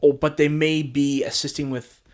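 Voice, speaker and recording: A man's voice: on the high side, flat delivery, normal speed. A man hosting a casual movie podcast, laughing often and explaining things with hesitant fillers. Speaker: podcast host.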